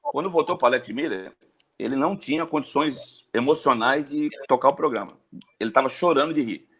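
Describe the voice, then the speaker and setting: A sports journalist in his forties from Brazil, telling his story in an interview with animated swings in pitch. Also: brisk, breathy edge. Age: 40s.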